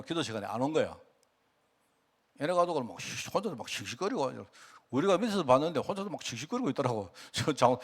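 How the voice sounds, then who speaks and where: A male pastor preaching a sermon in a conversational way, often asking the congregation questions and using dialect turns of phrase. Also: on the high side.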